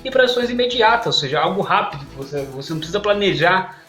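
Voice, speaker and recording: A man's voice: high-pitched, animated, fast, bright, forceful tone, soft background music. A man giving an online English lesson, who keeps checking in with "ok?" and "perfeito?". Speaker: English teacher.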